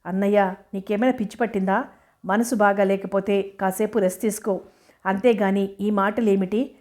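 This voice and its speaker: A woman's voice: mid-range voice, steady tone, moderate pace, darkish tone, natural voice. A woman voicing a worried younger brother who coaxes and reasons with his older brother. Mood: coaxing. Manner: coaxing. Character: worried younger brother, pleading then firm.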